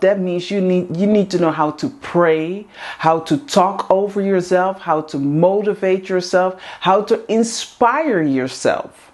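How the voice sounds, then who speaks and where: A little mellow and on the low side, the voice belongs to a woman whose first language is Dutch. As host of a women's group, she gives an earnest motivational talk in English to camera and repeats coaching lines.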